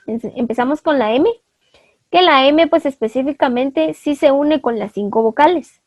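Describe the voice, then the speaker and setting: A woman's voice: high-pitched, normal speed, a little mellow, dry recording. A woman teacher giving an online class, explaining step by step, spelling out syllables and often asking her students for confirmation.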